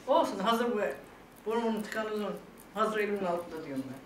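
A woman's voice: mid-range voice, animated, fairly quick, distant mic. An older woman in casual, emotional chat who is tearful and laughing by turns and quotes the people around her. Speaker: vlog guest talking about her illness. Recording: echoey room picked up from afar, faint background noise.

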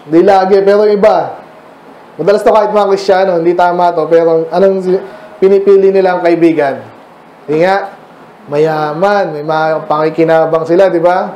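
A man's voice: high-pitched, mellow, reverberant, a little hiss or hum, rough recording. A man with a Filipino accent preaching a sermon as pastor, talking with the congregation and asking them questions. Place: church.

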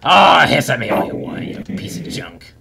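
A man hosting a casual roleplay, showing off characters and bursting into shouted swearing. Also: fairly high pitch, lively intonation, moderate pace, vocal fry, heavy background noise. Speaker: roleplay host.

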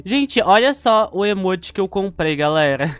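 A man's voice: high-pitched, lively intonation, normal speed, smooth, no room sound. A young man with a Brazilian Portuguese accent, giving chatty gameplay commentary with dramatic outbursts. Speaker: gaming YouTuber.

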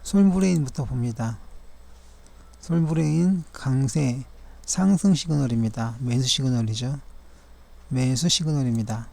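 A man narrates a daily review of stock charts, taking them one by one in a medium-pitched voice that's gravelly, mellow, and dark-toned. Formal and measured, he uses polite fillers and sometimes corrects himself.

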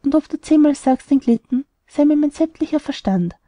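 A woman's voice: sits high, animated, a little fast, mellow, dry recording. A woman voicing a lovesick, stubborn young man in an audiobook, delivering rhymed verse earnestly. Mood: determined.

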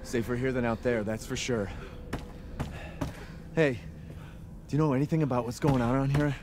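An actor playing a wary young man stranded in a hostile village, talking low and urgently in a game scene. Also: normal speed, background noise, close to an everyday voice. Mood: tense. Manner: low-key, urgent, commanding. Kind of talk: video game cutscene dialogue.

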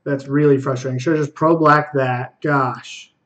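A man's voice: medium pitch, steady tone, a bit bright, dull audio. A young man streaming a card game, thinking aloud and scolding himself for his own plays in casual commentary. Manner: self-critical, thinking aloud, quick asides. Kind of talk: live gameplay commentary.

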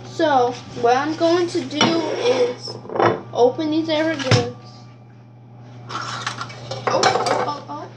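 A woman's voice: sits high, takes it slowly, long pauses. A young woman making a casual cooking vlog in a small kitchen, chatty and talking straight to her viewers through a camera on the counter. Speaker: vlogger. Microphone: camera set on the counter. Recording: sizzling kitchen noise behind.

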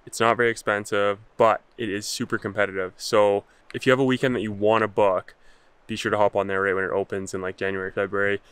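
A man's voice: fairly low pitch, little pitch movement, quick pace, a bit bright, smooth, no echo. Chatty young man vlogging outdoors. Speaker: travel vlogger. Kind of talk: casual vlog chat. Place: outdoors on a mountain trail. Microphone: handheld camera at arm's length.

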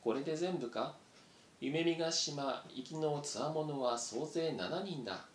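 A gruff mouse leader barking blunt, rough words in a storybook reading, as a man puts him on. The voice is roomy, with a faint rumble underneath. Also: unhurried, lightly acted. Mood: commanding. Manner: rough, blunt street talk.

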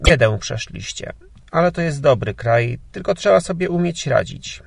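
A man voicing a gruff but kind older emigrant gentleman in a storybook, talking brusquely and grumbling. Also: a little high, expressive, normal speed, no room sound, voice pushed up, heavily acted. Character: gruff, kindly old Polish emigrant gentleman.

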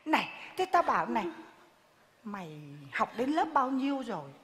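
A woman's voice: high voice, sing-song, moderate pace. A woman playing a bossy village woman who scolds and lectures a pregnant neighbor in a live comedy skit. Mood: scolding. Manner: scolding, lecturing, loud and exaggerated. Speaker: comic stage actor. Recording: reverberant live stage hall.

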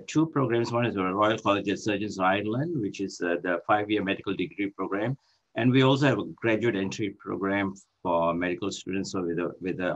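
Older male academic lecturing over a video call, low voice, halting delivery, dull lo-fi sound. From Malaysia. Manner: halting, many fillers and restarts. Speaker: guest speaker, professor of occupational therapy. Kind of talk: online lecture. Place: office with shelves. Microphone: laptop microphone on a video call. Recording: muffled video call audio.

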